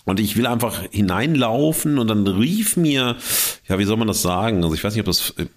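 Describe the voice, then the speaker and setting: A man's voice: on the low side, expressive, a little fast. A man co-hosting a podcast, chatting casually and telling long stories with many fillers, speaking close to his microphone. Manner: rambling anecdotes with many fillers. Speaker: podcast co-host. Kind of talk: casual chat. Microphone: microphone in front of face.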